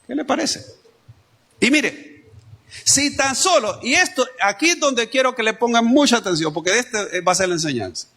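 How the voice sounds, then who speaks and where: A man's voice: very high-pitched, expressive, moderate pace, pushed and bright. A man preaching a Sunday sermon to his congregation, speaking conversationally and addressing listeners directly. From El Salvador. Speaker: pastor. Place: church.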